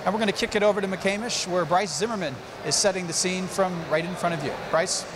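A man's voice: sits high, fairly even intonation, quick pace, very noisy. A man hosting a live broadcast with upbeat presenter patter, on a handheld mic in a busy indoor gym. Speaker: livestream host. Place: indoor gym among graduates.

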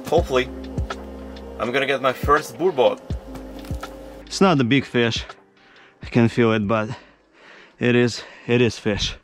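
A man in his thirties talking to camera from an ice-fishing tent, in broken non-native English and breaking into excited exclamations. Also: medium pitch. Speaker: fishing vlogger. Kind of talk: casual vlog narration to camera. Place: inside an ice-fishing tent on a frozen lake. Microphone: action camera mounted in the tent.

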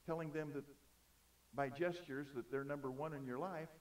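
A man preaching a sermon in an auditorium, emphatic, swinging between loud and soft. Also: a little high, fairly even intonation, moderate pace, far from the mic. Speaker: pastor.

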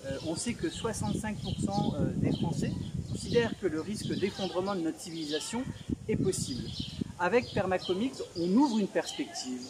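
A man in his forties presenting a book straight to camera, earnest and pausing often on "euh", seated on a bench in a small outdoor garden. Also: sits high, expressive, very noisy. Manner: earnest, with frequent "euh" pauses. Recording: outdoor garden with loud birdsong. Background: birdsong.

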